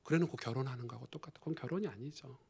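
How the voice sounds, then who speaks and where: A male pastor preaching a sermon in a chatty storytelling manner that swings from loud emphasis to hushed near-whispers. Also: mid-range voice, rapid-fire, vocal fry, slightly rough.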